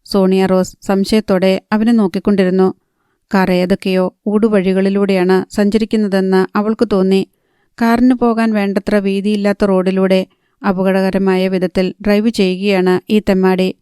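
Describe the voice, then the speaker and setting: A woman narrating a novel in a calm, even storytelling manner. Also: mid-range voice, smooth, dry recording, studio quality. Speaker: audiobook narrator.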